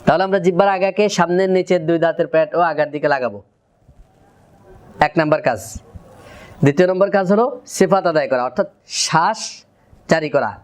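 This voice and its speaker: A Quran recitation teacher, a man with a Bangladeshi Bengali accent, lays out each step methodically and then drills the syllables aloud. His voice is high for a man and comes through smooth and resonant. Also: a little fast, pauses often. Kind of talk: pronunciation lesson.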